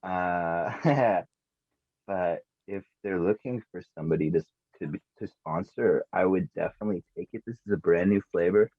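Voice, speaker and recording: A man's voice: sits low, normal speed, slightly rough, dry recording. A male musician guest chatting casually in an interview, rambling and laid-back with plenty of fillers. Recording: tinny phone-like remote audio.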